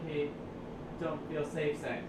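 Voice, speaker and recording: A man's voice: on the high side, completely flat delivery, slow, heavy background noise. A man playing a tabletop game, chatting casually and informally in slang. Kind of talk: casual chat during a game. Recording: echoey, distant, loud music behind.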